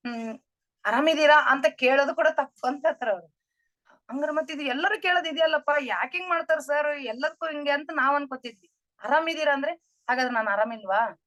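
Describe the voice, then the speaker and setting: A woman's voice: fairly high pitch, a bit bright, no room sound. A middle-aged woman giving an earnest spiritual talk on meditation, explaining terms and quoting her teacher. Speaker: meditation speaker.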